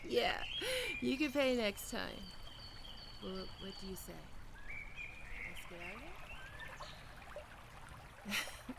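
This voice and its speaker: In a soft-spoken ASMR roleplay, a performer plays a gentle young best friend hiding a crush, speaking softly, hesitantly and tenderly to comfort the listener. The mid-range voice is slow and creaky with frequent pauses, shy yet hopeful, over a very noisy recording.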